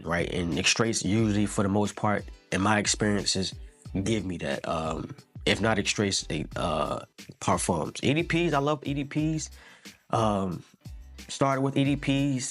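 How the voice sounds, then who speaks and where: Laid-back low-voiced man reviewing fragrances. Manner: laid-back, slangy, repeats words and says "man" often. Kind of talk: casual product review.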